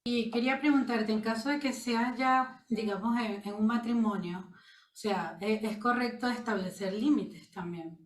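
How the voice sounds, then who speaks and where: A woman's voice: a little high, unhurried, slight background noise. Woman asking from far across an echoey room. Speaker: audience member asking a question.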